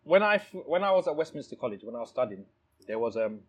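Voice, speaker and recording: A man's voice: medium pitch, big pitch swings, fast, breathy edge, poor audio. A man from Thailand who owns a restaurant, talking in a casual interview with many restarts and "you know"s. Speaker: restaurant owner. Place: his restaurant, indoors.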